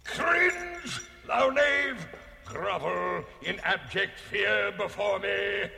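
Theatrical English ghost lord, gravelly bright voice, wild swooping pitch, long hall reverb. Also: male voice, expressive, extremely slow, soft background music, full character voice. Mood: raging. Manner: archaic, booming, melodramatic declamation. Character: centuries-old noble English ghost, bombastic and theatrical.

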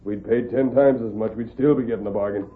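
An actor playing a sly, bossy claim swindler with a drawling, folksy American Western accent in a radio western. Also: male voice, lowish voice, steady tone, fairly quick, phone-quality sound, natural voice. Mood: smug. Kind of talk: old-time radio western acting. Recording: noisy, thin vintage radio recording.

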